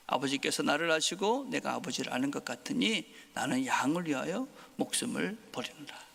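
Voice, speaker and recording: A male pastor preaching a Sunday sermon, swinging from loud emphasis to soft whispers. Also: fairly high pitch, vocal fry. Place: church sanctuary. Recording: long hall reverb.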